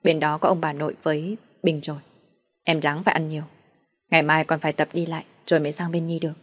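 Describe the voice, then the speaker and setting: A woman's voice: sits low, little pitch movement, quick pace. Woman reading a soothing older sister. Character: gentle caring older sister.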